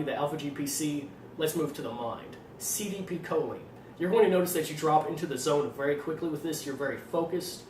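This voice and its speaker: A man with an Arkansas accent explaining things informally as a trainer, in a fairly monotone voice with a slight tendency to stutter. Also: fairly high pitch. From Arkansas, United States. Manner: self-described monotone delivery. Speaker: fitness trainer presenting supplement advice. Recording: roomy echo, distant mic, faint noise.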